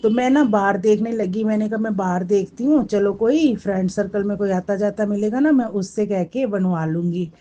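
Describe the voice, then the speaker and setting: A woman's voice: medium pitch, moderate pace, few pauses, mellow, dull audio. A married woman earnestly tells a personal devotional story to a congregation, often quoting what she said to others. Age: adult, married with children. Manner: earnest storytelling, often quotes her own past words. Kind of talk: spoken devotional testimony.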